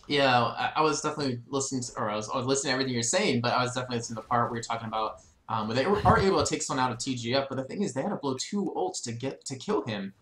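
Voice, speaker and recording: A male co-caster rattles through game analysis at a quick clip in a mid-range voice. He is excitable, cuts in eagerly and apologizes for interrupting. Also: medium pitch, echoey room. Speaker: esports co-caster. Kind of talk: color commentary.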